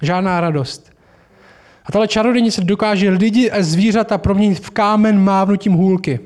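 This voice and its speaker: A man preaching a sermon in church, telling a story in a loose, informal way. His voice sits high for a man, and he often breaks off and restarts his sentences. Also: a little mellow.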